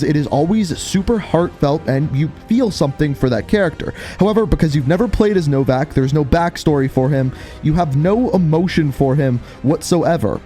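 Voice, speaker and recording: A man's voice: on the high side, dark tone. A man narrating a scripted video game review essay, stressing key words emphatically. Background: background music.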